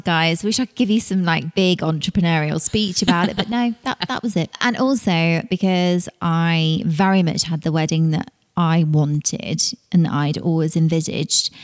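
A woman hosting a wedding podcast, chatting casually and laughing easily. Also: fairly low pitch. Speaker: podcast host and wedding brand founder.

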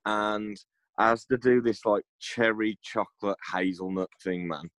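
A man with a fairly low voice chats loosely and jokingly, dropping slang as he goes. The sound is dry and close. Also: fairly even intonation, measured pace, a bit bright, no echo. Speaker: podcast co-host. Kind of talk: casual chat.

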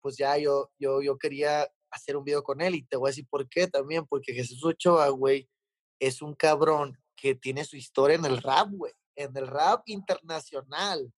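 A man's voice: on the high side, steady tone, moderate pace, no room sound. A man with a Mexican accent, a rapper talking casually as a guest and telling stories in sweary street slang. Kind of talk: casual chat, storytelling.

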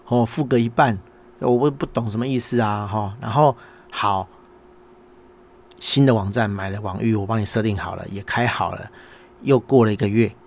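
A middle-aged man with a Taiwanese Mandarin accent, hosting a casual monologue and telling an exasperated story while acting out the dialogue. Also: on the low side. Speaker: podcast host, small business owner.

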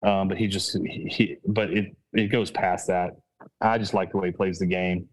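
A man who is a father hosts a laid-back sports podcast, thinking out loud in a rambling way riddled with restarts and self-corrections. His voice sits low with a steady tone at normal speed, on poor audio.

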